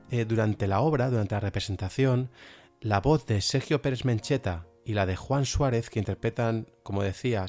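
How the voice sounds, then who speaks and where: Reviewing audio dramas on a relaxed podcast, this man with a Spanish accent talks in a slightly mellow mid-range voice. His delivery is conversational, halting and self-deprecating.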